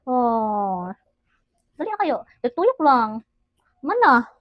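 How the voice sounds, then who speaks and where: A woman's voice: fairly high pitch, expressive, moderate pace, lo-fi sound. A woman with a Cebuano accent, chatting upbeat at home in a casual unboxing vlog and switching often into English. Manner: chatty, upbeat, mixes English with local speech. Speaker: vlogger.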